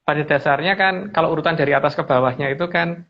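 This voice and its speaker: The recurring lore guest, a Javanese-accented man, speaks fast in a slightly high voice, explaining things in a relaxed, tentative way full of qualifiers. He comes through an online video call, and the sound is muffled and dull.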